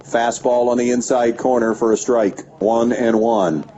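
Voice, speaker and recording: Male radio play-by-play voice, warm low tone, steady pitch-by-pitch calls, muffled lo-fi broadcast. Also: measured pace. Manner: steady pitch-by-pitch calling with stats between pitches. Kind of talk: baseball play-by-play commentary. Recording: dull lo-fi radio broadcast with faint background noise.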